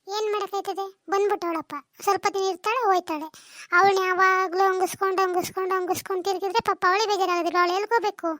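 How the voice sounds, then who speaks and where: A woman's voice: very high-pitched, steady tone, fast talker, fairly bright tone, dry recording, clean studio sound. A woman voicing a defiant older mother in a cartoon drama, with a North Karnataka Kannada accent, scolding her son and his wife. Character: older mother, proud and protective of her daughter.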